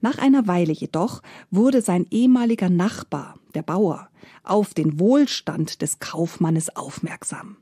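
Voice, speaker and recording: A woman narrates a fairy tale at a slow, deliberate pace, with lively swings in pitch and soft whispered phrases. Her voice is dark and husky. The recording is dry and close. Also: no room sound. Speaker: storyteller.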